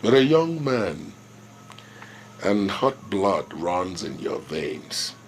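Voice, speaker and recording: An actor playing a proud, stubborn older village king with a Nigerian accent, speaking in measured, authoritative lines and quoting proverbs. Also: lowish voice, sing-song, slight background noise, full character voice. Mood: lecturing. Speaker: traditional king. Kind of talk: film drama acting.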